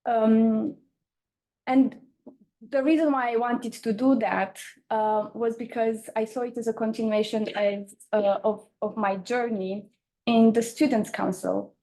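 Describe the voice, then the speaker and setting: A young woman from Romania with an Eastern European accent, giving an informal conference talk with frequent hesitant pauses. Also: fairly high pitch, steady tone, dark tone, low-quality recording. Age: young adult. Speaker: campaigner, panel speaker.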